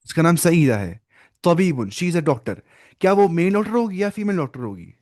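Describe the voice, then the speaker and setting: Man, teacher, online class lecture, fairly high voice, step-by-step explaining, quizzes students by name. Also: big pitch swings, darkish tone. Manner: mixes in English words. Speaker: Arabic teacher.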